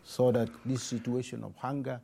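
Gravelly-voiced bishop from South Sudan. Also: male voice, medium pitch, little pitch movement, mellow. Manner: halting speech with many fillers and restarts. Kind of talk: interview answers.

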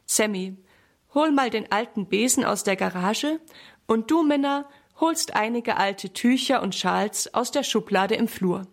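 A woman voicing a patient, gentle mother in a children's story. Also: on the high side, expressive, measured pace. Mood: kind. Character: calm, caring mother.

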